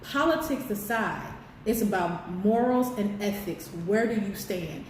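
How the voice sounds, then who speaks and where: A woman's voice: medium pitch, a little slow, far from the mic. Emphatic woman in an echoey room. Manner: emphatic, rhetorical questions to the audience. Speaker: co-host. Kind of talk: impassioned political discussion. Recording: very echoey room, voice off-mic, faint noise.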